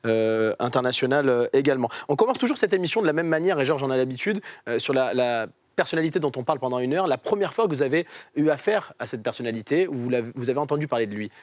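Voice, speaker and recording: A man's voice: medium pitch, expressive, fast, dry recording. A man hosting a studio talk show, asking long questions with frequent fillers. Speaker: host.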